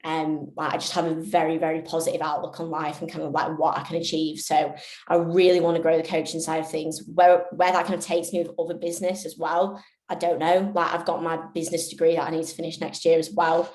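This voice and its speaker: A woman's voice: low-pitched, little pitch movement, fast, a little mellow, echoey room, low-quality recording. A twenty-year-old woman co-hosting a podcast, chatting casually with lots of "like" fillers and the odd swear word. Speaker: podcast co-host and coach.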